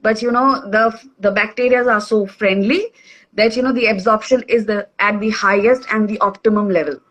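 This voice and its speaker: A woman's voice: mid-range voice, steady tone, normal speed, a bit bright, dull audio. A woman with an Indian English accent explaining simply over a video call, often checking in with "okay". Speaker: nutrition expert guest. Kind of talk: casual online talk.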